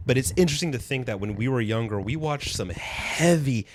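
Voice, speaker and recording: A man's voice: mid-range voice, brisk, noisy background. A man co-hosting a podcast in casual chat, telling stories with animation and acting out quotes. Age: adult with young kids. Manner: animated storytelling, acts out quotes. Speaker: podcast co-host.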